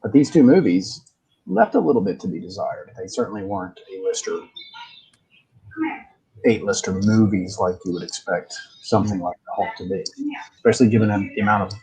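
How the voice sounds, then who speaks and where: Low husky guy going on about comic books vs movies, asks the others stuff. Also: normal speed, warm tone, rough recording. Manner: expansive, asks the others questions. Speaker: podcast co-host. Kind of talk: casual movie review chat.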